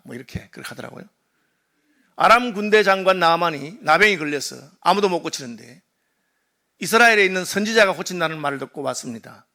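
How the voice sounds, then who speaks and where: A male pastor preaching a sermon in a conversational way, talking straight to the congregation and acting out the people in his stories with big swings in pitch and loudness. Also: vocal fry. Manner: acts out quoted voices with lively swings in pitch and loudness; conversational, addresses the congregation directly.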